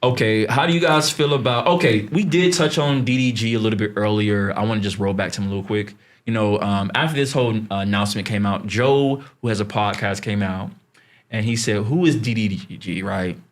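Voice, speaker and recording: A man's voice: fairly low pitch, brisk. Laid-back male podcast host. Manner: laid-back, teasing, trails off with fillers. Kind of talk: casual chat. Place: podcast studio.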